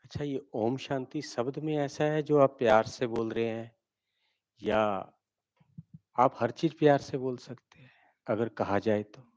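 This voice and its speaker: Slow, coaxing Indian male spiritual speaker. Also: medium pitch, darkish tone. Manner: slow, coaxing, asks the audience to repeat phrases. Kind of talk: spiritual talk to a live audience.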